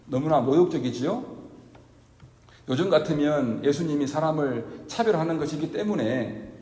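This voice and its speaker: Animated pastor in an echoey hall. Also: male voice, fairly high pitch, moderate pace. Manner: animated, conversational, asks the congregation questions. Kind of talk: Sunday sermon.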